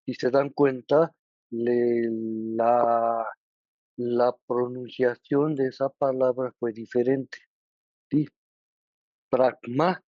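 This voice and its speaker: A man with a Mexican Spanish accent, medium-pitched, gives an explanatory lesson to a study group. He speaks haltingly, with many restarts and fillers, and keeps pausing to ask tag questions that check everyone is following. The recording is dry, dull and lo-fi.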